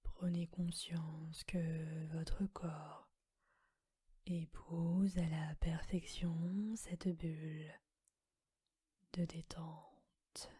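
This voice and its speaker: A woman whispering a guided relaxation meditation in a soft, calm voice. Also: low voice, drawn-out words, husky, no echo, studio quality.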